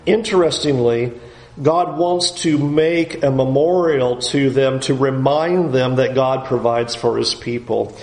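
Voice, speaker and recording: A man preaching an expository sermon, animated and acting out the people's complaints. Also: mid-range voice. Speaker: pastor. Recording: roomy echo, faint background noise.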